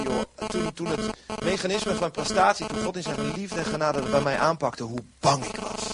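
A man's voice: on the high side, a bit bright. A man preaching a sermon in an earnest way, repeating short phrases for emphasis.

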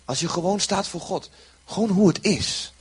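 A man's voice: high voice, moderate pace, husky. A man preaching a sermon in an earnest way, repeating short phrases for emphasis.

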